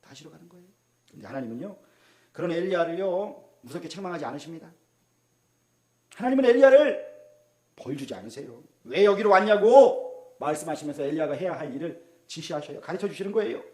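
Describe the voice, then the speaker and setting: A Korean man preaching as a pastor, swinging between loud exclamations and hushed asides and asking the congregation questions. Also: on the high side, lively intonation, fairly quick. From South Korea. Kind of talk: sermon. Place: church sanctuary. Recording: roomy echo of a church hall.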